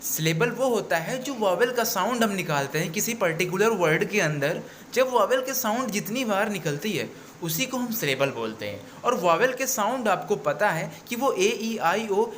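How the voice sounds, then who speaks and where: A male teacher walks through a video lesson. His voice sits a little high and he repeats points patiently. A faint hiss runs under the recording. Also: expressive, normal speed, fairly bright tone. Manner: explanatory, repeats points, mixes English phrases into Hindi. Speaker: English teacher.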